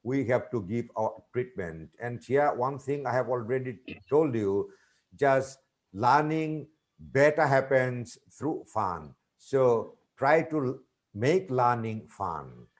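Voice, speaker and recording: A middle-aged man gives a teaching webinar over a video call, his voice at an ordinary pitch. He talks in a measured, teacherly way, pausing on fillers and repeating key points. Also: expressive. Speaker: guest speaker on teaching. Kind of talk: webinar answering questions.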